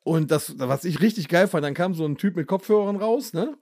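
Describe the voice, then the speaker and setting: A man co-hosting a podcast in casual, crude chat, telling stories animatedly and mocking people with quick impressions. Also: high-pitched, animated, a little mellow, no echo, studio quality. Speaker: podcast co-host.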